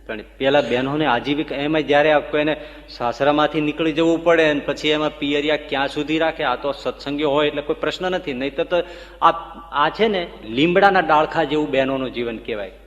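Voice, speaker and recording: A swami preaching in a rather high voice, telling devotional stories and rising with emphasis at the key points. The sound echoes around a large hall, and the recording is dull and lo-fi. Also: male voice, a little fast. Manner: animated storytelling, rising with emphasis. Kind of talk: devotional sermon storytelling.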